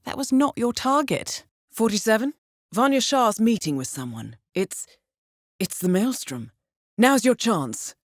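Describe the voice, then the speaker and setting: Playing a video game handler who briefs an assassin, an actress sounds coolly professional, composed and formal, with dry understatement. Her slightly high voice has lively intonation and a somewhat slow pace, urgent but controlled, recorded with no room sound.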